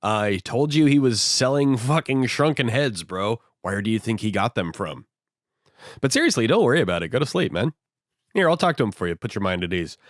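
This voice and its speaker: A man's voice: medium pitch, lively intonation, brisk, no echo, clean studio sound, lightly acted. A man voicing a laid-back male innkeeper who talks in a slangy, reassuring way. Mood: breezy.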